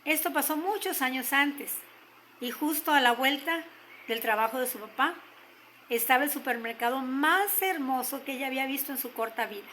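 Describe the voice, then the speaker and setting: An older woman with a Mexican accent telling a story gently, slowing down to stress key moments. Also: high voice, a little hiss or hum, low-quality recording. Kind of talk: told story.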